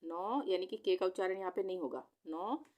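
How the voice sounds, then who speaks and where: A woman's voice: lowish voice, normal speed, lo-fi sound. A woman teacher patiently sounding out long words letter by letter in a spelling lesson.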